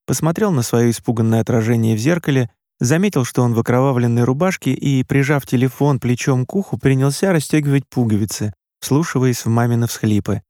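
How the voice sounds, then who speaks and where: Male audiobook narrator, measured delivery, mellow tone, dead-dry booth sound. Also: mid-range voice, no room sound. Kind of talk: scripted narration.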